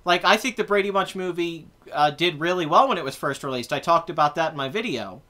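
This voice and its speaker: A man's voice: fairly high pitch, lively intonation, fairly quick, pushed and bright. A man in his twenties hosting a casual live chat about movies, rambling and correcting himself as he answers viewer comments. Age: 20s. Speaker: host.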